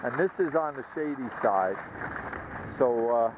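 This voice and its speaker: A man giving a chatty, relaxed running commentary while skiing down a slope outdoors, recorded on a helmet-mounted action camera. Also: medium pitch, unhurried, dull audio. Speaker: skiing vlogger. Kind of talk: casual narration while skiing. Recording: loud wind noise on the mic. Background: wind.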